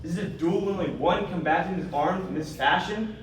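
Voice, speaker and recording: An actor playing an impassioned young lawyer who talks earnestly and insistently. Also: male voice, high-pitched, fairly quick, close to an everyday voice. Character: young man, an impassioned lawyer demanding justice. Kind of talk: radio drama acting. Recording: echoey, distant, faint noise.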